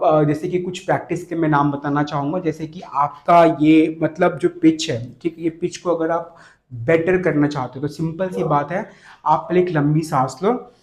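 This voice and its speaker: A man coaching on voice in a casual spoken lesson, with a slightly high voice. He keeps repeating his points and asks quick rhetorical questions. The sound carries a roomy echo. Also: darkish tone. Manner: repetitive, rhetorical questions to the viewer. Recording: echoey room.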